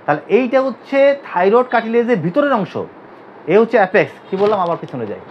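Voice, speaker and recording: With big pitch swings in a voice that sits high, a fast-talking man from Bangladesh teaches an anatomy class as a physiotherapy teacher. He quizzes students by making them repeat terms, drilling them with repeated questions. A little hiss or hum marks the dull, lo-fi recording.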